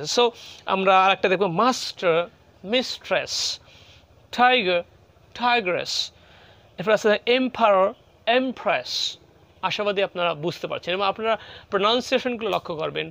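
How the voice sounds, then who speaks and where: Higher-voiced male teacher with Bengali accent. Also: gravelly, fairly bright tone, no room sound. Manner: explains patiently, repeating example words aloud. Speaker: English grammar teacher. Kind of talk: classroom lecture. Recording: muffled lo-fi recording.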